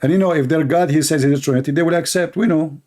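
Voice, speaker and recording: Here a man on the high side talks quickly in a darkish tone. He hosts a live online debate in English, though Arabic is his first language, and punches his words with sarcastic ridicule.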